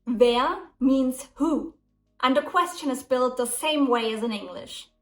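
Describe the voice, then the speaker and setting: A woman teaches German with slow, careful explanations. Her high voice rings in an echoey room. She sits at a distance from the mic, and soft music plays behind her. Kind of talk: English lesson with German example dialogues.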